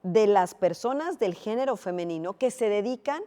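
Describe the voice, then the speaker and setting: A woman's voice: medium pitch, expressive, normal speed, mellow, long reverb tail. Reflective woman hosting a debate. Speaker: debate host. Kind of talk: studio debate chat.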